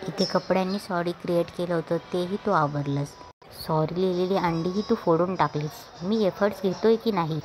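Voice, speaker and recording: A woman's voice: on the low side, moderate pace, a little mellow, faint music behind, natural voice, rough recording. A woman reading a remorseful young husband. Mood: pleading. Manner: read aloud in a plain narrating voice.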